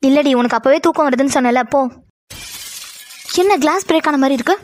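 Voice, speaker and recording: A woman voicing female characters in a cartoon, brisk and chatty, often indignant. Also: sits high, slight background noise. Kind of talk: Tamil cartoon voice acting.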